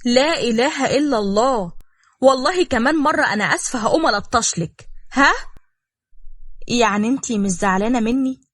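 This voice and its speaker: A woman's voice: fairly high pitch, a little fast, pauses often, a bit bright, no echo. A woman doing a frank young Egyptian wife. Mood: fond. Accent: Egyptian Arabic.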